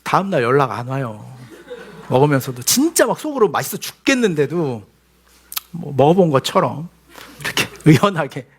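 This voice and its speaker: A man's voice: on the high side, very animated, moderate pace, slightly rough. A male pastor giving a sermon in a conversational, humorous way, acting out little quoted voices as he goes.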